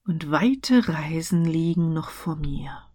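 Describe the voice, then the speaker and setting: A woman voicing the mournful ghost of a dead businessman, speaking solemn, slow warnings. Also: low-pitched, animated, warm tone, husky, full character voice.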